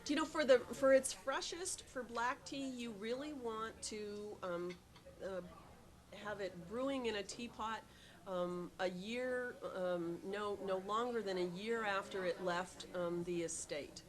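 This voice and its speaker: A woman's voice: mid-range voice, a little slow. A middle-aged woman who runs a tea shop, answering interview questions with many ums and restarts and an eager tone.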